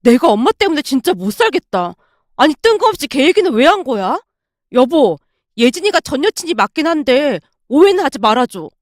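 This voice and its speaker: A woman's voice: sits high, big pitch swings, fairly quick, no echo, studio quality. A woman voicing a hot-tempered young husband who bursts out in anger. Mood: angry. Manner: heated, shouting outbursts.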